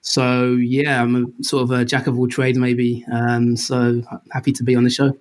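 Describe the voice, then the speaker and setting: A man introducing himself casually as a football podcast guest, halting and modest in his way of talking. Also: medium pitch, completely flat delivery, a little mellow.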